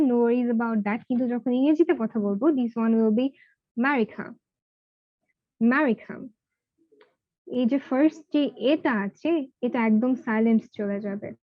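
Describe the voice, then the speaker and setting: Slow, encouraging woman teacher. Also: fairly high pitch, no room sound, phone-quality sound. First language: Bengali. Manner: encouraging, mixes Bengali and English, repeats words for drilling. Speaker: English teacher. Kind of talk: online live class, pronunciation drill. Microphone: video call.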